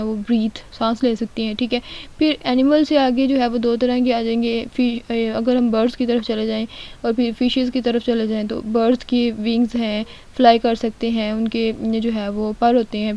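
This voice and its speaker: A woman tutor giving an exam-prep lecture. She explains step by step, often checks in with the listener, and reads out definitions slowly. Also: on the high side, muffled recording. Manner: explains step by step with frequent "ठीक है" check-ins. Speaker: study tutor.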